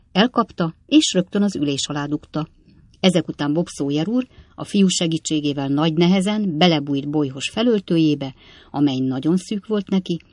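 A reader narrating a classic novel as an audiobook in an even, measured way. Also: medium pitch, no echo. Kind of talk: scripted narration.

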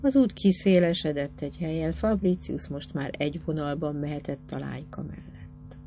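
Low-voiced woman reading a novel aloud. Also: mellow, slight background noise. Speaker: audiobook narrator. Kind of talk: expressive literary reading.

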